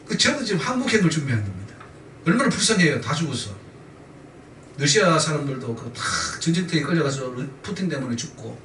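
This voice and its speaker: A male pastor leads call-and-response and repeats key lines emphatically in his sermon, his voice fairly high and a bit bright. Recorded from a distance in an echoey church, the clip carries slight background noise.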